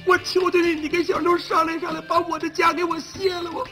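A man's voice: extremely high pitch, sing-song, brisk, fairly bright tone, soft background music, heavily acted. An actor playing a locked-up cook who fakes madness in a sitcom. He talks in a whiny, pleading, wheedling way. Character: locked-up cook faking madness, begging to be freed. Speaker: inn cook. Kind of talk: sitcom acting.

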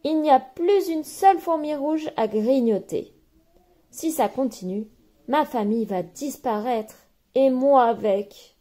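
A famished, moaning anteater from a bedtime storybook, as a woman reader puts him on. His voice is raised and whiny, drawn out slowly, with a mellow tone. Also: sits high, expressive, voice pushed up. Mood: plaintive. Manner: whining, plaintive. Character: hungry male anteater, plaintive.

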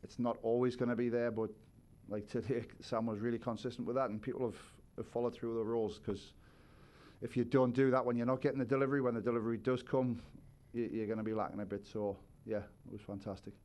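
Measured head coach at a press table. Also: male voice, mid-range voice, little pitch movement, a little mellow. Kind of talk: postgame press conference answers. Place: press conference room, seated at a table. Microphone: table microphone on a stand.

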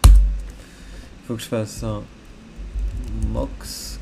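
Gravelly man coding aloud. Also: on the low side, fairly even intonation, drawn-out words, over loud music. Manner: mutters to himself, casual and self-deprecating. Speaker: coding streamer. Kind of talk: live coding, thinking aloud. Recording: faint keyboard typing behind.

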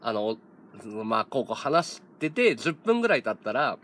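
A man's voice: medium pitch, very animated, moderate pace, a bit bright, a little hiss or hum. A man in his thirties, a streamer, telling a story in casual chat, laughing often and acting out other people's lines. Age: 30s.

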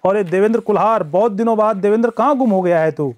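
High-voiced male teacher, chatty live lecture. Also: fast talker, darkish tone. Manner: chatty, greets viewers by name; acts out students' excuses in first person. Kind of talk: live online exam-prep lecture.

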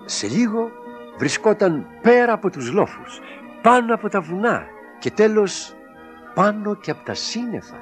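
A man reading a children's storybook aloud, with expressive, dramatic storytelling. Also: sits high. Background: background music.

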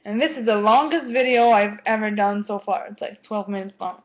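A woman's voice: mid-range voice, a little fast. A teenage girl chatting casually to camera at home, rambling and easily distracted, with lots of "like". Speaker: vlogger. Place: home, indoors. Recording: dull lo-fi webcam sound.

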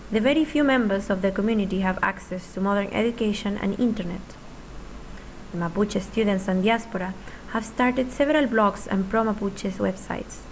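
A woman reads documentary narration in an even, informative way. A faint hiss sits under the recording. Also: mid-range voice, low-quality recording. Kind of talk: documentary voice-over.

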